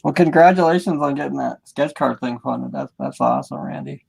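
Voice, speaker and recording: Male co-host, strongly gravelly mid-range voice, rambling colloquial banter. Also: mid-range voice, fairly quick, a little mellow. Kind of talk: casual chat, joking and swearing.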